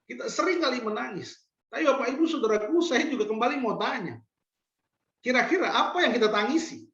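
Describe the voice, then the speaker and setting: In a roomy, echoing space, a male pastor preaches a sermon, pressing his congregation with direct questions and slowly repeating his key lines. His voice is very high-pitched, expressive, and a bit bright, though the recording itself sounds somewhat dull and lo-fi.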